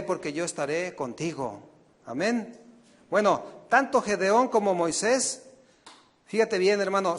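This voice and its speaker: A man preaches a sermon with a fairly high voice, asking the congregation question after question. He speaks slowly and deliberately, swinging from loud emphatic peaks to quiet asides, and a long church reverb hangs on every word. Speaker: pastor.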